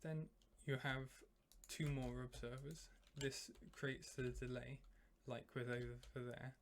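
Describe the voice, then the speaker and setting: Flat-voiced man with a worn-out voice. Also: mid-range voice, slight background noise. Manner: halting, explains piece by piece with pauses. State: strained, worn-out voice. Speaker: tutorial maker. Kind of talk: step-by-step game building tutorial.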